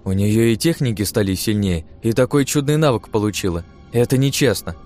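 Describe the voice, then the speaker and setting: A man's voice: medium pitch, quick pace, a little mellow, soft background music, voice pushed up, lightly acted. A man voicing a seasoned, envious young woman warrior who grumbles and teases in an audiobook. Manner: teasing, grumbling, blunt. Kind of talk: audiobook character voice.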